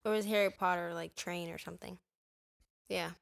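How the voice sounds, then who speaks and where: Young woman on a podcast, quiet and chill, mostly short replies. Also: fairly low pitch, steady tone, a little fast, gravelly. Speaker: podcast co-host. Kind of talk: casual chat.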